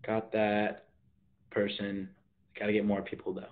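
Speaking slightly slowly in a lowish monotone, a teen boy runs a casual livestream indoors in his bedroom, reading viewer comments aloud with laid-back slang. He's filmed on a phone at arm's length, and the audio is tinny.

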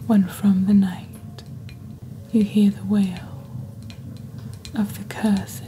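With an ominous air, a woman ASMR host whispers near her desk studio mic as a composed, eerie witch saleswoman of cursed wares, in a scripted shopping-channel roleplay. Her mid-range voice stays level, slow and deliberate in a hushed storytelling style, and there's slight background noise.

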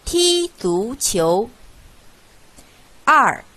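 A woman teaching Chinese pronunciation, reading drill words one at a time with clear, deliberate enunciation and pauses between them. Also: a little high, big pitch swings, pushed and bright.

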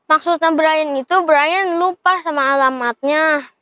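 A man voicing a confused, lost little foreign boy who speaks in halting English and then slowly. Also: very high-pitched, no room sound, highs cut off, pitched above the performer's own voice. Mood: explaining. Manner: halting English, then slow careful speech.

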